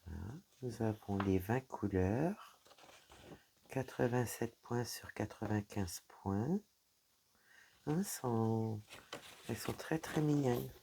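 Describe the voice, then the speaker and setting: A woman's voice: a bass voice, slow pace, vocal fry, pauses often, warm tone, a little hiss or hum. A woman chatting casually through a crafting unboxing, talking straight to her viewers and leaning on fillers like "voilà". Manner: chatty, talks straight to viewers while handling items; frequent fillers like "voilà" and "donc". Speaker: crafting vlogger.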